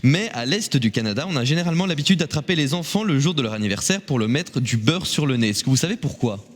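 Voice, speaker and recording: Lively, laughing male quiz host. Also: medium pitch, quick pace, in a large hall. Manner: laughs often, jokey. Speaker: quiz host on local live show. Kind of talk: playful quiz hosting.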